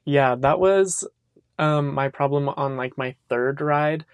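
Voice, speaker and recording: A young woman with a strikingly low voice, chatting on a podcast. She is relaxed and playful and teases her co-host. The recording is close and dry. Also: slow pace, no echo. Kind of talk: casual chat.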